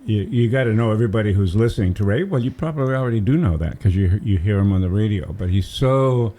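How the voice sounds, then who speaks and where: A man's voice: fairly low pitch, expressive, fast talker, mellow. An older man from Massachusetts, a guest radio DJ rambling enthusiastically in casual studio chat, humming tunes as he tells stories. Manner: rambling, enthusiastic storytelling, hums melodies.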